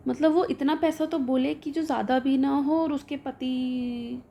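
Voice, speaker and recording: A young woman teacher with an Indian English accent, reading a story aloud slowly and then explaining each line conversationally. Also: high-pitched, steady tone, creaky, dark tone, dull audio, a little hiss or hum. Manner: switches between reading English text slowly and explaining in Hindi.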